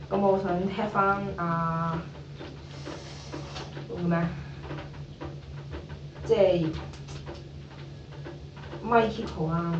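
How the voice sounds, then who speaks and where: A vlogger with a Hong Kong Cantonese accent, talking casually and hesitantly to viewers. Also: mid-range voice. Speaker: YouTuber host. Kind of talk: casual vlog, ice bucket challenge. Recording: muffled, echoey, noisy, distant mic.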